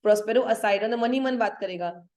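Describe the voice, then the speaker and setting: Fairly high in pitch with a darkish tone, a woman teaching English literature, also called a Hindi teacher, explains a play in a line-by-line lesson. She alternates Hindi and English, reads verse lines slowly, and checks with "ठीक है?"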